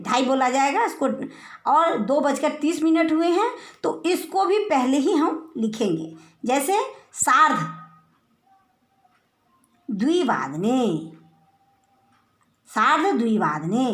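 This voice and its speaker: High, lively woman teaching children. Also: roomy sound. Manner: explains slowly and repeats terms for children. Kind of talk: recorded online class lesson.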